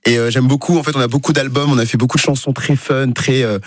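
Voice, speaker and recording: A man's voice: medium pitch, steady tone, quick pace, no room sound, clean studio sound, faint music behind. A man speaking informally and enthusiastically as a musician in a casual radio interview. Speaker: band musician, interview guest.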